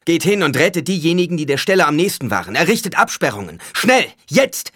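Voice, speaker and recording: A man voicing a blinded young ruler who speaks in a calm, measured, authoritative way. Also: low-pitched, dry recording, clean studio sound. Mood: commanding.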